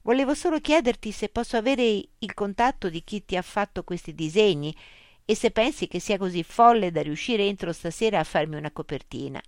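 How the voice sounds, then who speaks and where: A woman's voice: medium pitch, lively intonation, a little fast, no echo, studio quality, pitched above the performer's own voice, close to an everyday voice. A woman voicing a flustered adult woman writer who keeps apologizing. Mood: apologetic.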